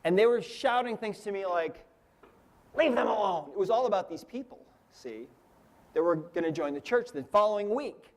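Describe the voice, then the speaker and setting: A man in his fifties with a fairly high voice tells a long story as part of a lesson. His talk is relaxed and conversational. He keeps checking in with his listeners with a quick "right?" or "okay?". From United States. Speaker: energy healing teacher. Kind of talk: storytelling lecture.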